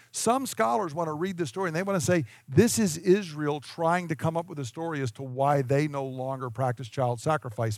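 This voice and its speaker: A man preaching a sermon as pastor, earnest, slowing down for emphasis and acting out the dialogue he quotes. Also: a little high, dry recording, clean studio sound.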